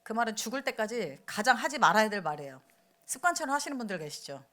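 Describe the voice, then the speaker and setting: A woman preaches a sermon in church, her voice pitched high and swinging widely up and down. She talks conversationally, putting questions to the congregation, and acts out angry outbursts in a raised voice. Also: very animated, fast talker, sharp tone. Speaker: missionary preacher.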